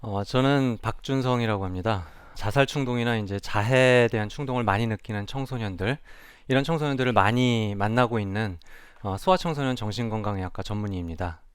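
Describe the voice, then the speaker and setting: A man's voice: fairly low pitch, fairly quick, clean tone, dry recording. A man who is a child and adolescent psychiatrist, giving a reflective, earnest public talk on stage and asking the audience questions. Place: stage before a live audience.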